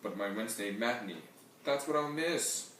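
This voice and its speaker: A man's voice: mid-range voice, expressive, normal speed, distant mic, noisy background, close to an everyday voice. A man voicing a theatrical, melodramatic older aunt who gushes and wails. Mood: cheerful. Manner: gushing, swooning, wailing. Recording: very echoey room heard from afar.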